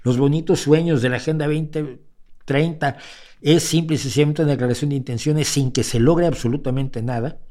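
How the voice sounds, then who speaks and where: A man's voice: fairly high pitch, fairly even intonation, brisk, dark tone. An older man from Mexico with a Mexican accent, answering viewer questions in a wry, conversational way with many restarts and asides. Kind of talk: casual talk show monologue.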